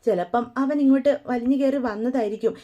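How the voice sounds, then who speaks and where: A woman's voice: on the high side, fast talker, mellow, dull audio, natural voice. A woman voicing an older uncle, musing doubtfully over what happened. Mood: troubled. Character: older man, troubled brooding uncle.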